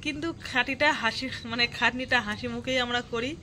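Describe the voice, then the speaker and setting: A woman's voice: on the high side, fairly even intonation, fairly quick. A woman vlogging at home, chatting to her viewers in a running commentary while busy with chores, recorded on a handheld phone as she moves indoors and out. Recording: noisy household ambience.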